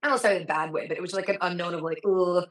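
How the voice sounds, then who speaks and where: A woman with an upbeat, enthusiastic cruise director manner answers casually in an interview. Her voice sits a little low. She is recorded in an echoey room, some way from the mic. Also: rapid-fire, fairly bright tone, far from the mic.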